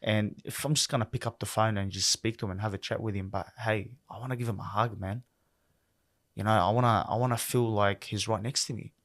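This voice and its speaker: A man's voice: on the low side, steady tone, a little fast. A man around thirty, from Lebanon, talking candidly and reflectively as a podcast guest, often saying "you know". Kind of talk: candid interview talk.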